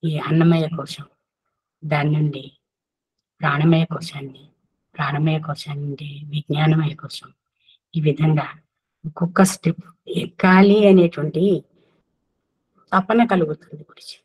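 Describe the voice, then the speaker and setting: A man's voice: fairly high pitch, fairly even intonation, unhurried, pauses often, darkish tone, slightly rough, low-quality recording. A man with a Telugu accent, a student who speaks to his guru respectfully and humbly. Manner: respectful, addresses the teacher formally. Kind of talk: humble questioning.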